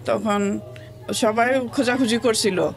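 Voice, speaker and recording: Music runs beneath this interview, where a woman shares her life story in plain, colloquial speech, quoting other people's words. She has a Bangladeshi accent and a slightly high voice at a measured pace.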